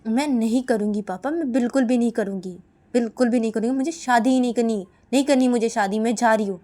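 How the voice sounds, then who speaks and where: A woman's voice: medium pitch, steady tone, brisk, mellow, close to an everyday voice. A woman voicing a tearful young woman devotee who refuses to marry, pleading and repeating herself. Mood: defiant.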